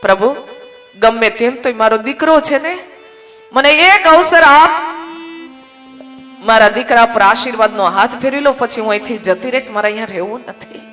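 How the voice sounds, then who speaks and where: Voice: medium pitch, brisk, a bit bright, natural voice. A storyteller voicing a devout old widowed mother who prays to see her son again, in an echoey hall with faint music behind. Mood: pleading. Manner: pleading prayer.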